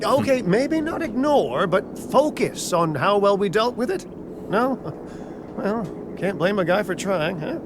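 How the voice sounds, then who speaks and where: Glib, high-voiced park boss. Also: male voice, lively intonation, a little slow. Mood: sheepish, evasive. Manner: glib, joking, backpedaling. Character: flippant, self-serving, needling male dinosaur park boss. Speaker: park boss giving instructions. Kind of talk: video game character dialogue. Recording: clear vehicle and outdoor ambience noise.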